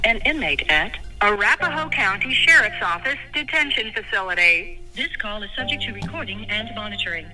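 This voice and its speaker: A woman's voice: medium pitch, animated, a little fast, few pauses, bright, forceful tone, soft background music. A woman's recorded announcement heard on a prison phone line, formal and scripted. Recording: distant phone line playback.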